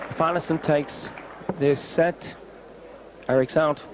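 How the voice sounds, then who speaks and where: A man's voice: a little high, steady tone, slow pace. Male darts commentator on dull archive TV. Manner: colourful, wry turns of phrase. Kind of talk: live sports commentary. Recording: dull, noisy archive TV broadcast.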